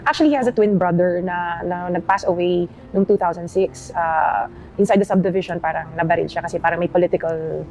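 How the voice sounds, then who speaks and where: A woman's voice: lowish voice, brisk, darkish tone, slight background noise, low-quality recording. Polite woman guest telling her story. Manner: mixes Tagalog with English, polite "opo", laughs easily. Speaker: interview guest. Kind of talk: casual interview conversation.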